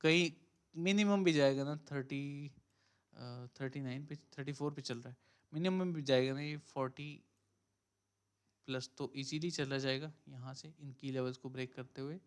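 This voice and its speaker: Guy on a crypto livestream going over charts, smooth clear voice, says "theek hai" a lot, switches into english. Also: mid-range voice, steady tone, moderate pace. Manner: casual, thinks aloud, many fillers and "ठीक है"; mixes Hindi-Urdu with English phrases. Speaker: crypto trading mentor. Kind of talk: live stream chart review and Q&A.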